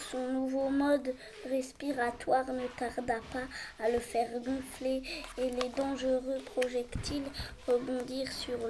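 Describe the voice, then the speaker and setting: A woman narrating a scripted children's story aloud, in short halting phrases. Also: high-pitched. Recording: clearly noisy recording with clicks.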